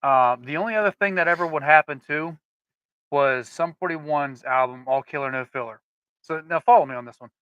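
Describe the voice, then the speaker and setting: A man's voice: fairly high pitch, brisk, clean tone, dry recording, highs cut off. A man co-hosting a casual podcast chat, telling rambling stories with frequent restarts. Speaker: podcast co-host.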